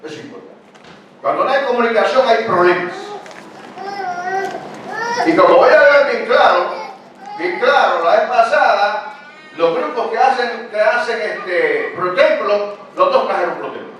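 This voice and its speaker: A man's voice: high voice, animated, measured pace, pauses often, fairly bright tone. Older male pastor, chatty sermon full of questions; distant mic in a very reverberant hall with faint background noise. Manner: conversational preaching with frequent rhetorical questions. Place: church hall. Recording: very echoey church hall, picked up from a distance.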